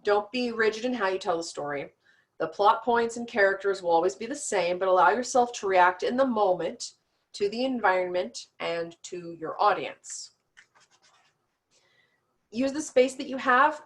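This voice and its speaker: A woman teaching an online storytelling class in a chatty, practical way, with self-deprecating asides. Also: medium pitch.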